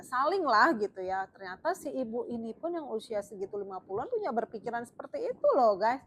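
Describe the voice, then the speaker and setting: Young woman, chatty, emotional, filler-heavy, slightly high voice. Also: slight background noise. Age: young adult. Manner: emotional, chatty, full of fillers, laughs often. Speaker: vlogger. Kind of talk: casual storytelling to camera.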